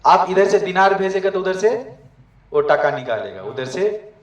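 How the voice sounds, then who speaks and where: A man's voice: high voice, sing-song, moderate pace. A man from Nepal gives a devotional talk to migrant workers and keeps asking his listeners questions. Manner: asks the audience questions often. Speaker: preacher. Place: room abroad with a gathering. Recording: echoey room, from far off.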